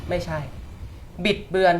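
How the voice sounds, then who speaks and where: A man's voice: measured pace, natural voice. Smug reporter guy lecturing, played by a performer, music going under it. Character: smug male reporter who twists the news.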